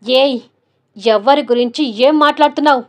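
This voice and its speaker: A woman's voice: fairly high pitch, steady tone, moderate pace, lightly acted. A woman doing a furious hot-tempered young husband. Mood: shouting. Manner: shouting, furious.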